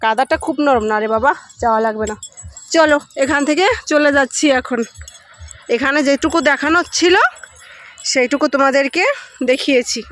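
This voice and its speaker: A woman's voice: sits high, moderate pace, a bit bright. A young woman vlogger chatting to her viewers as she walks outdoors along a muddy riverbank. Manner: chatty, talks straight to viewers while walking. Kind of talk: casual travel vlog.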